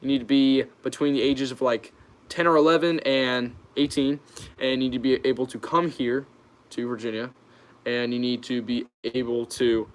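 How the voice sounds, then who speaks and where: This YouTube channel host is a young American man with a mid-range, fairly bright voice. During a casual livestream Q&A he reads out questions and responds off the cuff, informal and a bit hesitant.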